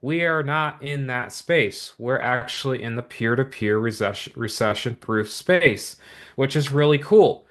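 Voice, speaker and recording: An eager man with a normal middle male pitch works an online audience, selling them on a business opportunity. His energetic, motivational patter circles repeatedly over the same points, full of quick asides and rhetorical questions.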